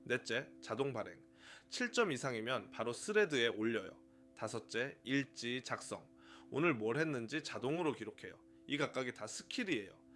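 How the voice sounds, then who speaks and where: A man narrating a scripted tutorial for his own channel in a brisk, upbeat, explanatory way, counting off numbered points. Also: mid-range voice, very animated, fairly bright tone, faint music behind. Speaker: YouTuber running a one-person media channel.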